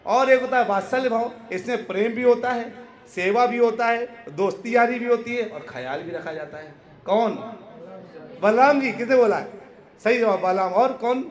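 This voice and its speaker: A man with a notably high voice delivers a devotional talk to a live audience. He keeps stopping to quiz his listeners and laughs easily as he teaches. His voice rings around an echoey hall. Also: moderate pace. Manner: quizzes the audience and laughs often while teaching. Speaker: spiritual preacher.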